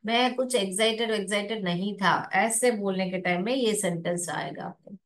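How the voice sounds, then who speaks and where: A woman teaching a phonics lesson, slowly sounding out words letter by letter and explaining in Hindi mixed with English. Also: mid-range voice, roomy sound.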